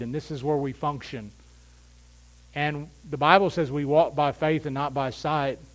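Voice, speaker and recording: A male pastor delivers a sermon in a somewhat high voice. He rises to loud, fervent peaks and then sinks into quiet, close asides. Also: poor audio. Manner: swings from loud impassioned preaching to quiet intimate asides.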